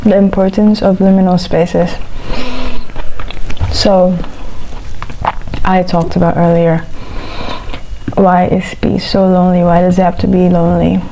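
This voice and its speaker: A woman chewing while talking, in a casual, reflective eat-with-me chat, speaking haltingly in short phrases. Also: fairly low pitch, flat delivery, dark tone, a little hiss or hum, low-quality recording. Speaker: vlogger.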